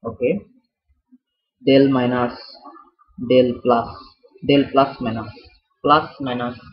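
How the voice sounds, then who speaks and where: A man teaching chemistry in a casual lesson, repeating himself often, with halting restarts and fillers. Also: medium pitch, level tone, husky. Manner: informal and jokey with viewers. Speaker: chemistry tutor. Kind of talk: explanatory lesson over a whiteboard. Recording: dull, lo-fi.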